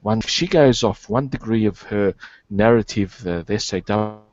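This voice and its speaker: A man on an online voice call whose audio keeps breaking up, speaking haltingly with many fillers. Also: on the low side, darkish tone, no echo. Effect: audio breaking up over a bad internet connection. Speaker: guest on an online call-in stream. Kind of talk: casual online chat. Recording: dull lo-fi dry internet call.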